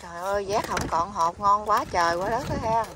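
A woman's voice: mid-range voice, fairly quick, background noise. A woman chatting outdoors at a tent camp, teasing and laughing often as she hands out food. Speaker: vlogger handing out food. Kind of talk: casual outdoor chat.

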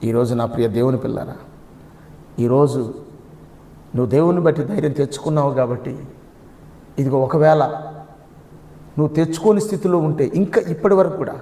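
A male pastor with a high voice preaches fervently, piling up rising appeals and then sinking into soft, low blessings. His voice rings around a reverberant hall with a long tail of echo. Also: a little fast, long pauses. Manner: swings between loud exhortation and quiet, low blessing. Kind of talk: daily devotional sermon.

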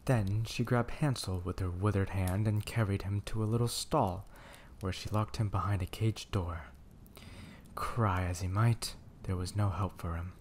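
A young man in whispered role-play as a boyfriend softly reading a bedtime fairy tale aloud, slow and soothing. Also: deep voice, fairly even intonation, a little hiss or hum.

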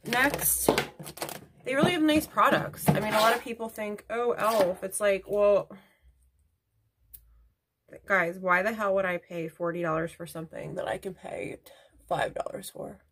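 A woman's voice: mid-range voice, unhurried, pauses often, fairly bright tone, slightly rough. A woman beauty vlogger chatting casually at home while doing her makeup, rambling into asides. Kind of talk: casual get-ready-with-me chat.

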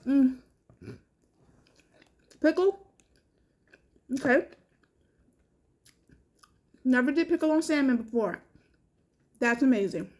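A woman reviewing food on camera, talking excitedly with her mouth full of food. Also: sits high, takes it slowly, pauses often. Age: adult with a son. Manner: excited, exclamatory. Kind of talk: casual food review vlog.

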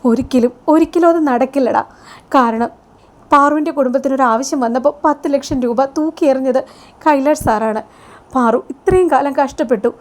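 A woman's voice: sits high, normal speed, voice pushed up, close to an everyday voice. A woman voicing a resigned young man who gives up his love, speaking earnestly.

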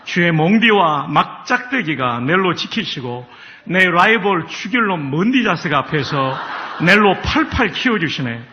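A man's voice: high-pitched, very animated, measured pace, highs cut off, a little hiss or hum, pitched above the performer's own voice. A man voicing a blunt, cheerful man with a Gyeongsang accent, reciting in a punchy rustic way. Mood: jaunty. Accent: Gyeongsang dialect.

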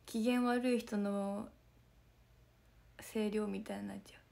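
A young woman with a hoarse voice chatting casually to fans on a livestream, talking softly and often slipping into a whisper. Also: mid-range voice, steady tone, unhurried. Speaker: idol group member streaming to fans.

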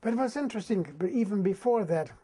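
High-voiced older man from Czechoslovakia. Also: animated, dark tone, husky. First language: not English. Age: 80s. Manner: vivid, unhurried storyteller with dramatic pauses. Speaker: interviewee recounting wartime memories. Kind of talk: oral history storytelling.

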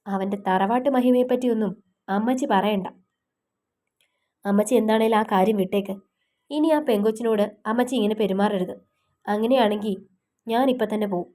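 A woman's voice: medium pitch, normal speed, pauses often, mellow, close to an everyday voice. A woman reading a firm, defiant grown daughter. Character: young adult daughter standing up to her mother.

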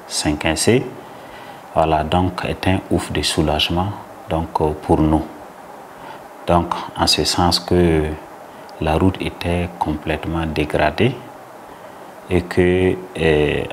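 Deep, flat-voiced man with a Burkinabè French accent, halting interview answer, faint hiss behind. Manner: halting, many fillers.

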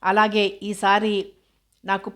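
A woman reading the part of a caring, dutiful grown son in her own voice, gentle and coaxing. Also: mid-range voice, completely flat delivery, takes it slowly. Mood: earnest.

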